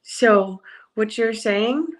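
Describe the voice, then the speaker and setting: A woman's voice: on the high side, extremely slow, low-quality recording. A woman co-hosting a talk show, speaking earnestly with supportive, emphatic phrasing. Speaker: co-host, court watcher.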